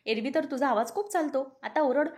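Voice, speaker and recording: A woman voicing a quick-tempered rich young man who scolds and loses patience, in a spoken TV serial recap. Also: sits high, a little mellow, pitched above the performer's own voice, lightly acted. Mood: irritated. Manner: scolding, impatient.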